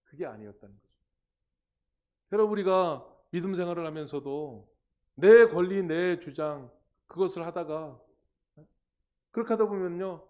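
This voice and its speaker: Male pastor giving a sunday sermon, kinda high voice, storytelling, gets loud for emphasis. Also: moderate pace, long pauses. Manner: animated storytelling, emphatic exclamations. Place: church sanctuary.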